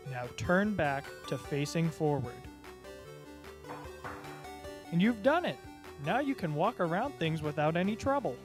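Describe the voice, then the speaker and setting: A very animated man with a slightly high voice portrays a cheerful disembodied narrator who patiently instructs viewers in a parody video. Music plays behind him as he talks slowly and simply, encouraging the listener the way one would a child.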